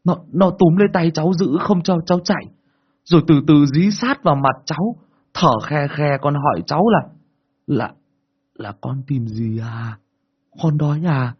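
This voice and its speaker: A man's voice: fairly high pitch, moderate pace, slightly rough, highs cut off, voice pushed up. A man voicing a terrified young boy who stammers and sobs. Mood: tearful, terrified. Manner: stammering, tearful. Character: terrified young boy, sobbing after being possessed.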